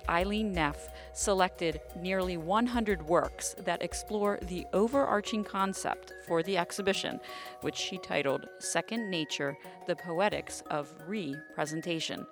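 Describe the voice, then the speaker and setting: Low-pitched woman co-hosting an arts show. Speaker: co-host, media producer. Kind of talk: scripted podcast narration.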